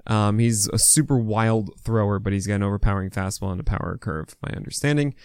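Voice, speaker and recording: A man's voice: on the low side, fast talker, a little mellow, smooth, dry recording, clean studio sound. An American man hosting a fantasy baseball podcast, talking with a swollen mouth in casual, opinionated, unscripted commentary full of asides.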